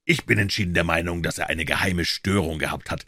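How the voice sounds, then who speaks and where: A man voicing a calm detective in an audiobook, measured and dryly ironic. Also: deep voice, no room sound, clean studio sound, exaggerated voice. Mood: cool, ironic.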